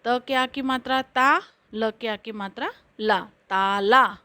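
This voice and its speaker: A woman teacher giving a basic alphabet lesson, reciting letters and words one at a time with careful, drawn-out pronunciation. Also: high voice, pushed and bright, no echo. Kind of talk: slow Hindi alphabet lesson.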